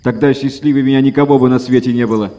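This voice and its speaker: A man's voice: medium pitch, fairly even intonation, fast talker, mellow, natural voice. A man voicing a foolish, easily dazzled simple man who gushes over everything he sees. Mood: eager. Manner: wistful, gushing exclamations. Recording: echoey reverberant room.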